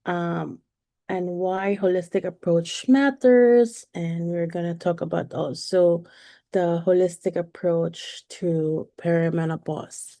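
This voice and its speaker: A woman, a perimenopause coach giving a live online presentation in a halting way, with frequent fillers and self-corrections. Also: on the low side, steady tone, warm tone, no echo, studio quality. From Philippines. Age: 40s.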